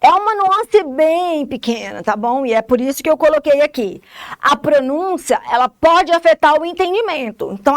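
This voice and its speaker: A woman teacher with a Brazilian Portuguese accent and a high voice walks through a recorded lesson. She explains each point step by step and keeps checking understanding with short tags. The sound is close and dry. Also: no echo. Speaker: English teacher.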